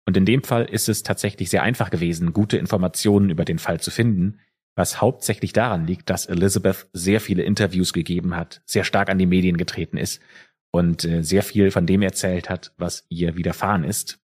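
A man with a deep, slightly rough and somewhat mellow voice keeps a steady tone and a brisk pace. As co-host of a true crime podcast, he narrates the case casually, adding asides as he goes.

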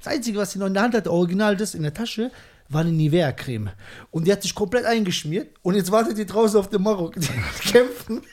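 A man's voice: high-pitched, quick pace, a little mellow. A man, a stand-up comedian guesting on a podcast, telling anecdotes and laughing often. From Frankfurt area, Germany. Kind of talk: casual comedic podcast banter.

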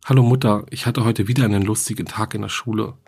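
A man's voice: fairly low pitch, fairly even intonation, fast, creaky, a little mellow, husky. A man reading the diary entries of a frightened young schoolgirl who writes to her dead mother.

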